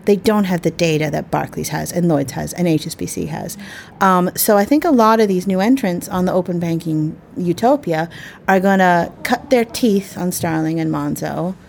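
A woman's voice: lowish voice, normal speed, creaky, darkish tone, a little hiss or hum. A woman in her forties, an industry panelist speaking emphatically in a casual discussion. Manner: emphatic, opinionated.

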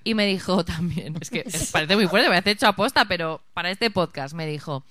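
A woman co-hosting a casual podcast, telling anecdotes in an animated way. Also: lowish voice, brisk, no echo, clean studio sound. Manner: animated storytelling. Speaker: podcast co-host. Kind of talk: casual chat.

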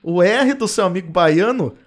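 With soft music behind him, a Campinas-born linguistics professor lectures for a podcast from his home office, his voice high and expressive at a moderate pace. He speaks with the interior São Paulo accent and retroflex caipira R, frequently tagging sentences with "né?".

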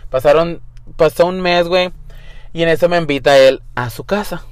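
A man's voice: on the high side, moderate pace, no room sound. Campy young man telling a crude story. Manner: camp, crude slang, mixes English and Spanish. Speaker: guest storyteller. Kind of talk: casual storytelling.

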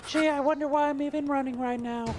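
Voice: high-pitched, steady tone, fast, background noise, lightly acted. An actor voicing a naive character who muses aloud innocently in a comic parody. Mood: curious.

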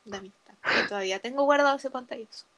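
A young woman with a Chilean accent chatting casually as a podcast co-host, telling self-deprecating stories in a relaxed way. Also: high voice, rapid-fire, muffled recording, a crowd in the background. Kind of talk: casual chat.

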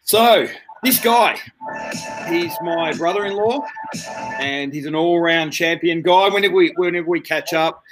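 Male podcast host, high voice, loose and chatty, stop-start delivery. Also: music in the background, poor audio. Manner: chatty, halting, laughs easily. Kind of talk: casual podcast chat.

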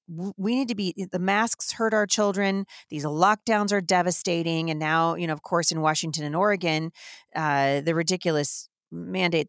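Indignant low-voiced woman host. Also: dry recording, clean studio sound. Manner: indignant, emphatic, fast-flowing. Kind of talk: impassioned devotional talk.

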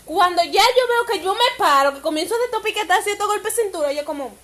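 A woman's voice: extremely high pitch, fast talker. A woman with a Dominican accent, chatting animatedly and acting out the voices of other people. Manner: animated, acts out what others say. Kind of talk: casual chat.

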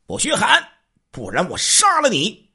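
A man's voice: mid-range voice, huge pitch swings, normal speed, a bit bright, husky, pitched above the performer's own voice, exaggerated voice. A man voicing a thin male robber who threatens and curses. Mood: menacing.

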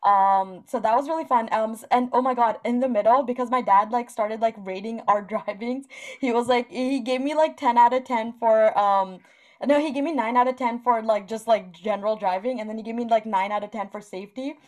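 A young adult woman speaks in a somewhat high voice. Her delivery is casual, conversational and very colloquial, peppered with "like", as a co-host chatting with a friend. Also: a little fast. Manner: colloquial, giggly, heavy use of "like". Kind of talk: casual chat.

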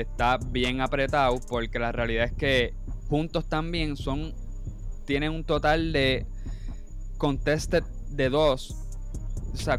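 A man's voice: medium pitch, a bit bright. A man with a Caribbean Spanish accent arguing a basketball debate as a panelist, reeling off statistics and mixing in English terms. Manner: stat-heavy, with English terms mixed in. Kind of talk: argumentative sports debate with statistics.

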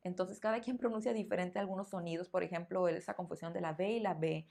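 A woman's voice: fairly low pitch, steady tone, fast talker, vocal fry, mellow. A woman with a Mexican accent, a Spanish teacher hosting a podcast, explaining thoughtfully and repeating words as she searches for them. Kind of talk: conversational podcast interview.

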